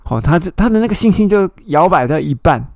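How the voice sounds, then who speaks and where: A man's voice: high-pitched, lively intonation, a little fast, darkish tone, dry recording. A man teaching a Bible study. He explains scripture, retells its scenes and asks his listeners questions.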